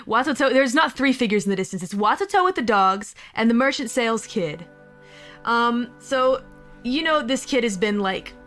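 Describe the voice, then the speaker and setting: A woman's voice: a little high, a bit bright. A woman narrating a tabletop game as game master, casual and often laughing.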